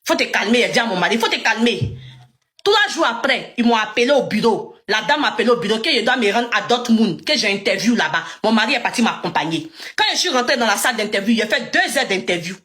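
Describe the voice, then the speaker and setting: A woman's voice: fairly high pitch, fast, hardly any pauses. A young woman with an Ivorian French accent, telling her story live to viewers and acting out what others said with emphasis. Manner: animated, emphatic, acts out dialogue. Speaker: livestreamer.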